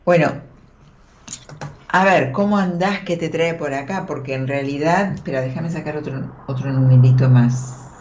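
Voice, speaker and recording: A low-pitched, darkish female voice moves at normal speed as an Argentine tarot reader hosts a live call-in radio show. She keeps things informal and reassuring, frequently using tag questions, and the dull, band-limited audio carries a little hiss or hum.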